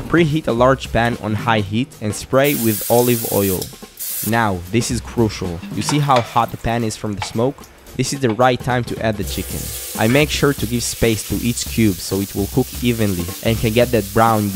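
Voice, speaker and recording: A young man giving calm, step-by-step cooking instructions in a scripted voice-over. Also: medium pitch. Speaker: fitness cooking creator. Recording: voice-over over loud music. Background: background music.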